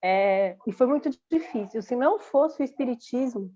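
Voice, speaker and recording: A woman's voice: fairly high pitch, animated, moderate pace, mellow. A woman in an emotional group video call, talking earnestly and close to tears about a hard year. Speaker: student in a religious class. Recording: dull, dry video call audio.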